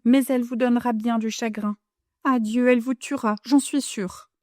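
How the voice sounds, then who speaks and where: A woman's voice: on the high side, steady tone, moderate pace, dark tone, no room sound, clean studio sound, natural voice. A woman voicing a naive, superstitious young girl in an audiobook, with a teasing and earnest manner. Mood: fearful. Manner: teasing then earnestly fearful. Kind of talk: audiobook character voice.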